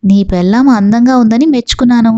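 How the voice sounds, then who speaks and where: A domineering male village landlord, read by a woman in a gruff, scolding manner. The voice sits a bit high and mellow. The audiobook recording sounds slightly dull. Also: quick pace, close to an everyday voice. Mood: bossy.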